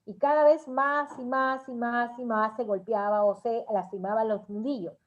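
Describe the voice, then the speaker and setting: A woman's voice: a little high, fairly even intonation, moderate pace. A woman leading a parenting workshop, lecturing in a conversational way and acting out examples in quoted voices. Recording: dull lo-fi recording.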